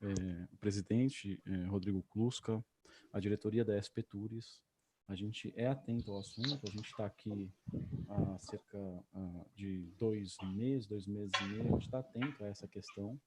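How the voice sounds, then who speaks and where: A man's voice: on the low side, unhurried, noisy background. A man, an official giving hesitant remarks full of fillers at a public hearing over a video call. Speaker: tourism agency official.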